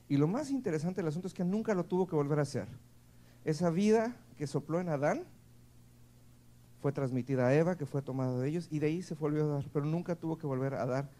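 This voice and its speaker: This pastor, who has a Mexican accent, delivers his sermon in a playful, conversational way, laughing between points and checking in with the congregation over and over during the church service. His voice is on the high side, with a dark tone.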